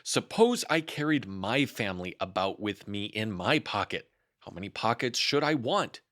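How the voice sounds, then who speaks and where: A man's voice: lowish voice, expressive, normal speed, fairly bright tone. A man voicing a bossy, self-important storybook rabbit with an officious, lecturing manner. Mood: indignant.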